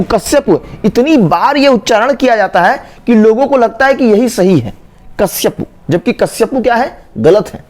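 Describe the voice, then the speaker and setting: High, lively teacher man. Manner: repeats words slowly, stretching the syllables; asks questions and answers them himself. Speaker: Hindi teacher. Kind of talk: spelling lesson for exam students.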